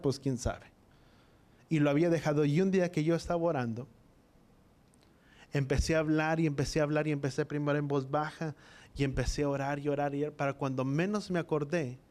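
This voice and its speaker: A man preaches to a church congregation, telling his own story of faith. His voice sits a little high for a man, and he acts out the dialogue of his memories with earnest feeling. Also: darkish tone. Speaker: preacher giving a testimony. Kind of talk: sermon testimony.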